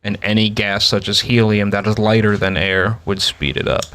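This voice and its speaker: A man's voice: fairly low pitch, little pitch movement, normal speed, a bit bright, clear, resonant tone. A young man co-hosting a casual podcast, easygoing and musing as he explains things. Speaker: podcast co-host. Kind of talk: casual chat.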